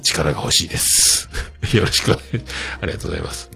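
A man's voice: fast talker, vocal fry, sharp tone. A middle-aged man hosting a casual solo podcast, reading listener messages and chatting with frequent laughs. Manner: chatty, laughs often, swoops up into high falsetto when demonstrating singing.

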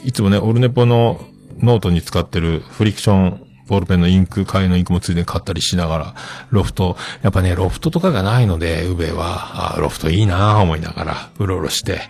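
A man's voice: low-pitched, fast, gravelly, hardly any pauses, a little mellow. A man hosting a show, chatting casually on his own in a rambling, self-joking way. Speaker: host. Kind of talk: casual solo chat.

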